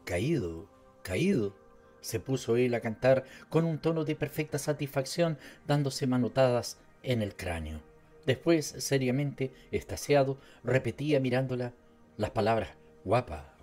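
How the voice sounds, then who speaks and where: A man with a Latin American Spanish accent reads an audiobook at a measured, steady pace. His voice is mellow and warm, and soft music plays faintly behind him. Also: medium pitch. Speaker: audiobook narrator. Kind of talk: scripted narration.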